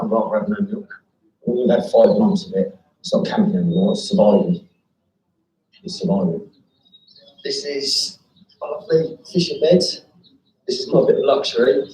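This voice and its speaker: A man's voice: mid-range voice, warm tone, roomy sound, distant mic, rough recording. Blunt wry man in his fifties. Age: 50s. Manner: blunt, wry, plain-spoken. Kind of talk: documentary interview.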